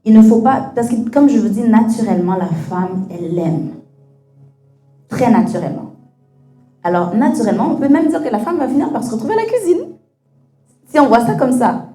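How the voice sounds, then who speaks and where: A woman's voice: on the high side, animated, moderate pace, long pauses, dark tone. A woman hosting a casual faith-based conversation, frank and opinionated, slipping English phrases into her talk. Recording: echoey room with faint music.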